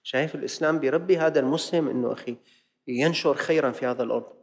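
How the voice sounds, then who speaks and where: A man preaching to a congregation in a mosque. He slips from quick colloquial speech into slow, drawn-out classical quotations and acts out the questions of worshippers. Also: mid-range voice, vocal fry. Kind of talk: lesson-sermon to a congregation. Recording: long hall reverb.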